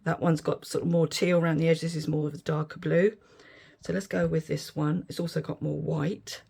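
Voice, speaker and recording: A low, creaky, mellow voice with a slight roughness belongs to a middle-aged resin art vlogger. She's losing her voice, yet she chats casually through the craft demo, giggling and easily delighted.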